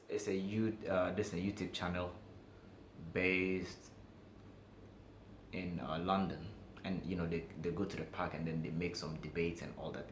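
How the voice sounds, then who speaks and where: Low-voiced Ghanaian man, emphatic vlog. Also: fairly bright tone. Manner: emphatic, direct address to viewers. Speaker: vlogger. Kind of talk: talking-to-camera vlog monologue. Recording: echoey room with faint background noise.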